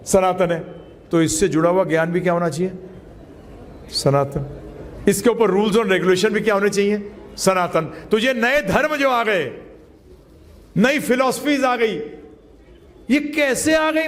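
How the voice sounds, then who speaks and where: Male spiritual teacher, fairly high voice, emphatic, keeps quizzing his class, long hall echo. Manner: emphatic, quizzes listeners with questions; mixes English phrases into his talk. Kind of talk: Gita lecture to a live class.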